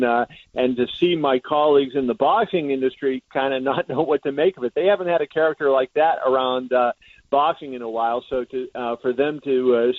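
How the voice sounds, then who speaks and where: A man's voice: medium pitch, dry recording. A man, a reporter guest on a radio show, telling a story at length with many "uh" fillers. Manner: rambling, frequent "uh" fillers. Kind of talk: storytelling in a phone-in interview. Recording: dry tinny phone line.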